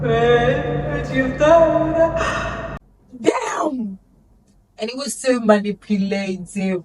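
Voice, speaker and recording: A young woman vlogger telling a casual storytime, animated and laughing, dropping to whispers and rising to exclamations. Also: medium pitch, recorded from a distance, low-quality recording.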